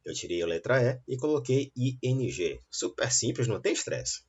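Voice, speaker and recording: A man teaching an English lesson, saying model sentences slowly and clearly between quicker explanations. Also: mid-range voice, animated, a little mellow. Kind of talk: online English lesson for Portuguese speakers. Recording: dull, lo-fi sound.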